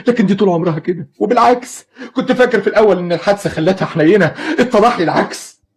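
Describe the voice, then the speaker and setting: A man's voice: lowish voice, expressive, racing, a little mellow, husky. An actor playing a bitter, fearful father who accuses his wife, with an Egyptian Arabic accent, in an old film drama.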